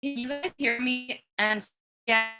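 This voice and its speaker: A woman's voice: sits high, fairly even intonation, a little slow, over music. A woman chairing an online public meeting, her voice breaking up into glitchy, robotic call audio from her computer. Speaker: commission chair. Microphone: computer on a video call.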